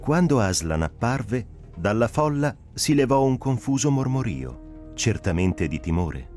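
A man reading a story aloud as narrator, with expressive, dramatic delivery. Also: medium pitch, unhurried, music in the background. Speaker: narrator reader.

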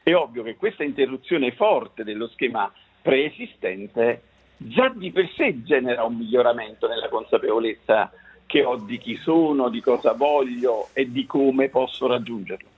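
A man on speakerphone as a guest, explaining in a measured way and repeating words for emphasis. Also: medium pitch, animated, husky. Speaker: guest author. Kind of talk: explaining meditation on a radio talk show. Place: outdoors-ish countryside home. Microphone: phone on speakerphone. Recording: tinny distorted phone line.

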